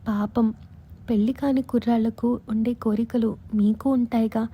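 A woman in a whispered role-play, voicing a shy young woman who speaks in a soft, bashful whisper. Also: a little high, fairly even intonation, moderate pace, husky.

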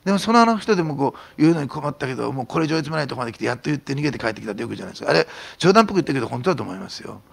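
Middle-aged male pastor, fast and lively sermon delivery, gravelly and husky, whispering and shouting by turns. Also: mid-range voice. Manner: animated preaching, drops to a hushed whisper for emphasis, then shouts.

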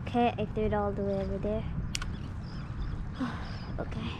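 A young girl chatting excitedly to viewers while fishing on a pier, recorded on an action camera. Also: mid-range voice, moderate pace, background noise. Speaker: vlogger. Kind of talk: casual fishing vlog. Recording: loud background music. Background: music.

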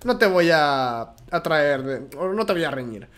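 A man's voice: fairly high pitch, animated, unhurried, a bit bright, pitched below the performer's own voice. A man voicing a caring, bossy young female puppet character from a video game.

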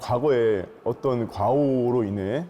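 A man's voice: medium pitch, slow, lo-fi sound, a little hiss or hum. A man, a musical actor, talking in a casual interview and explaining his role in an earnest, reflective way. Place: quiet room with some ring.

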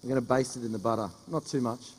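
A middle-aged man, a chef giving a brisk, joking live cooking demonstration on a studio stage. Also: medium pitch, in a large hall, a little hiss or hum. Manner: brisk, joking, teases the audience. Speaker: chef doing a cooking demo. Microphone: headset mic.

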